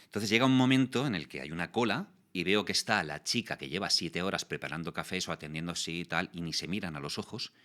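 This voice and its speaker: A man in his forties, working as a voice actor and communication coach, talks fast with few pauses in a low voice. As a guest in a relaxed interview, he explains things animatedly and acts out quotes from the people in his stories.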